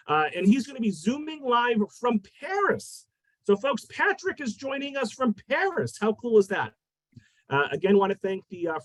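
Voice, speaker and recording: A man hosting a library program over a video call, introducing a guest in an upbeat, slightly halting way. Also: high-pitched, no echo, rough recording. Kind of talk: introducing a virtual event.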